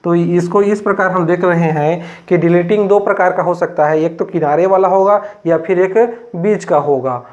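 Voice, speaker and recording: High-voiced Hindi biology teacher, lo-fi. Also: male voice, normal speed, hardly any pauses, darkish tone. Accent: Chhattisgarh Hindi. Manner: repetitive, explains step by step with many fillers. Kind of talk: classroom lecture.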